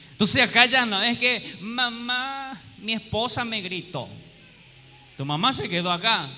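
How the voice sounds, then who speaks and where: Bright, lively preaching man in a church. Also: high voice. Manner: call-and-response questions to the congregation; humorous, acts out little quoted scenes. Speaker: pastor. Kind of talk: sermon. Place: church hall. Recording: long hall reverb with faint room noise.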